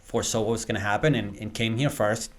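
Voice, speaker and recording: A man's voice: fairly low pitch, fairly even intonation, fast. A man from Venezuela whose first language is Spanish, a real estate agent talking earnestly as a guest in a casual interview, often repeating words as he explains.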